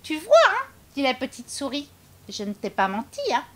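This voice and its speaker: A woman voicing a small, clever, boastful mouse in a children's storybook reading, with a bright, teasing voice. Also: very animated, moderate pace, heavily acted. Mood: cheeky. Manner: bright, teasing, high and bouncy.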